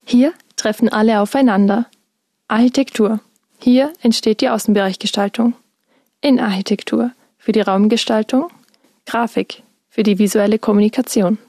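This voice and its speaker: A young woman student reporter reading a scripted radio feature in a clear, measured way. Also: on the high side, steady tone, mellow, dry recording, clean studio sound. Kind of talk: scripted narration.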